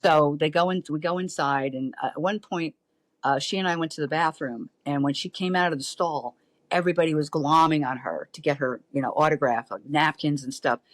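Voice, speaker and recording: Fairly quick and low-pitched, this middle-aged woman's voice comes through with no echo. As a guest on a podcast, she relates a story in easygoing conversation, animatedly performing the voices of those she quotes.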